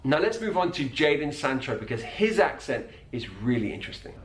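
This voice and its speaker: A man coaching on accents, explaining sound by sound in a calm, methodical way. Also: fairly high pitch, fairly quick, roomy sound, slight background noise.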